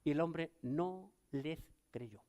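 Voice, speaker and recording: Preaching slowly, an older man with a Chilean accent gives a sermon as pastor, alternating forceful, loud passages with quiet, subdued ones. The recording sounds muffled.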